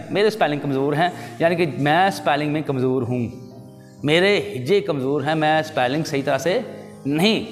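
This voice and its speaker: A man teaching an English lesson, who reads English terms slowly and repeats them with meanings. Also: on the high side, big-room sound. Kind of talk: classroom lesson explaining answers and spellings.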